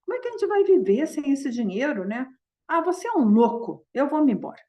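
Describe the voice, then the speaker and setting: A woman's voice: high voice, very animated, a little fast, mellow. A woman voicing an indignant scolding wife. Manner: indignant, exclamatory. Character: angry poor wife, scolding husband.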